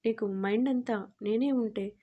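A woman's voice: a little high, moderate pace, narrow, tinny audio, natural voice. A woman voicing a cheerful, teasing young wife with a playful, coaxing way of talking in an audio love story.

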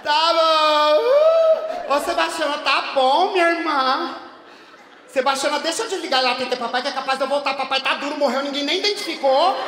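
A man playing a brash, fed-up woman, told in a stand-up comedy monologue, who gossips and rants in a high, bright, piercing voice with sudden shouted bursts. The sound is echoey, caught from far off in a long hall reverb. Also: lively intonation, moderate pace, exaggerated voice. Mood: indignant. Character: brash indignant woman caring for her hospitalized father. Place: theater stage at a live show.

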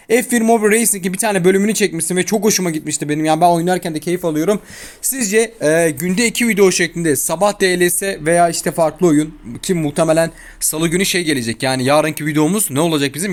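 A young man hosting his gaming channel, talking casually over his gameplay, often exasperated and complaining in slangy chatter, recorded at home. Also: high-pitched. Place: home room near an open window. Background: a child heard outside.

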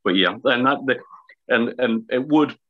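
A man of about fifty from Northumberland, north-east England, speaks with a heavy local accent and long vowels in a mid-range voice at a moderate pace. He's a historical fencing teacher being interviewed, explaining things hesitantly as he searches for words. It's a video call from a small room at home, picked up at webcam distance, and the audio sounds slightly dull.

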